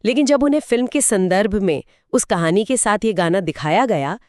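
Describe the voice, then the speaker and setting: A podcast co-host offers earnest, explanatory film commentary in a storytelling, conversational manner. Her medium-pitched, slightly mellow voice moves at a moderate pace with lively intonation, recorded clean in a studio without room sound.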